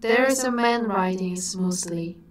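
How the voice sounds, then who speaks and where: A woman giving scripted narration in a slow, dreamy way that sometimes drops to a whisper. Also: medium pitch, rough recording.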